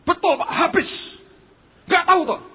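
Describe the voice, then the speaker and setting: A preacher voicing an excitable old man friend who tells news with eager, loud, breathless exclamations, on a tinny lo-fi recording. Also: extremely high pitch, normal speed, voice pushed up.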